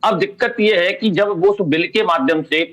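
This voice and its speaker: A man's voice: high-pitched, normal speed, fairly bright tone, poor audio. A man argues as a party spokesperson on a televised panel, speaking in a slightly raised register. He is combative and keeps talking over the other guests. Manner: combative, talks over opponents. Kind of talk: heated TV panel debate.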